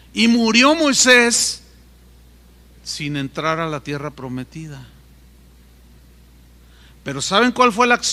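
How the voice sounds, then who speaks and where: A pastor preaching in a church hall, telling a story with lively asides to his listeners. His voice is high and bright. A long hall reverb trails behind his words. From Mexico. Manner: animated storytelling, asides to the congregation. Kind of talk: sermon.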